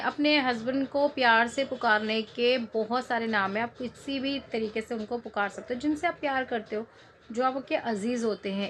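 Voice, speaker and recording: A woman in her thirties, a cooking vlogger, chats casually to camera in a home cooking vlog, rambling, joking and laughing as she goes. Her voice is high, with slight background noise.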